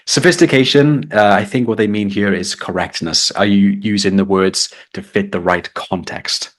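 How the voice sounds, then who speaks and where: Brief: British male tutor, low-pitched, upbeat live-lesson explainer. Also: steady tone, normal speed. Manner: explaining, reading chat comments aloud. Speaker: English test tutor.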